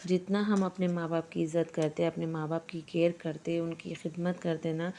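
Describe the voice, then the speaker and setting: A middle-aged woman, gently giving religious advice in a casual vlog voice-over. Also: on the low side. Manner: gentle, repetitive, instructive. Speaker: vlogger.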